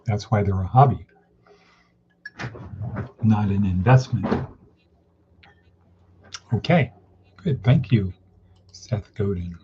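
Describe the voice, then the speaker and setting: A man's voice: on the low side, slow pace, pauses often. A man teaching an informal daily class, who often repeats words and asks rhetorical questions. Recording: dull lo-fi with faint noise.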